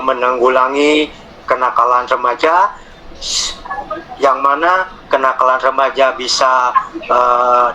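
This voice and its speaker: A man moderating an online meeting, speaking haltingly with many fillers and pauses. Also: mid-range voice, bright, forceful tone, slight background noise, rough recording.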